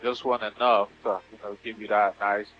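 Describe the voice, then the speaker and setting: A man's voice: on the low side, level tone, normal speed, soft background music. Man on a cockpit headset intercom. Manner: gives short commands, then explains with "right?" tags. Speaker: flight instructor. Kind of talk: in-flight coaching of a student pilot. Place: small plane cockpit, in flight. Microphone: pilot headset boom mic. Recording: dull lo-fi intercom audio.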